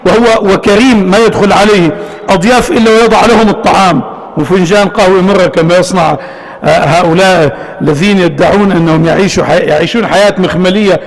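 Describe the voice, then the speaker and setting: A brisk, high-voiced preacher in a hall. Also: male voice. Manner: fervent, exhorting, with emphatic repetition. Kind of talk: sermon.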